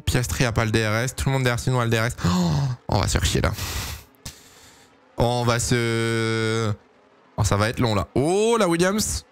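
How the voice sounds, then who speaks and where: A young man giving casual, excitable live commentary on a race for his stream, pleading and cheering as it unfolds. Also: medium pitch, normal speed, pauses often, clear, resonant tone. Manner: excitable, pleading, swings to shouting at big moments.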